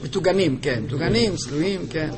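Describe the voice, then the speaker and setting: A man telling a story to a group at a gathering, halting and often repeating and restarting his words. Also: on the high side, lively intonation. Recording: crowd chatter behind voice.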